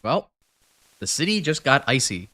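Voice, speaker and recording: He's a congested gaming streamer whose mid-range voice has a sing-song, sharp quality at a moderate pace. Game music plays as he rambles through casual commentary, often restarting, correcting himself, and filling gaps with fillers.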